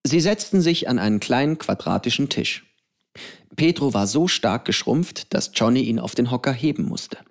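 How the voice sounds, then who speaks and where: A male audiobook narrator telling a story at a calm, even pace. His voice sits at a middle pitch and stays steady throughout. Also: normal speed, vocal fry. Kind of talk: audiobook reading.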